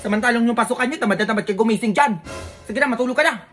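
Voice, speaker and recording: A man's voice: very high voice, very fast. Man playing a nagging Filipino mom. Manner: scolding, exaggerated. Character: nagging middle-aged Filipino mother. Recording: background music.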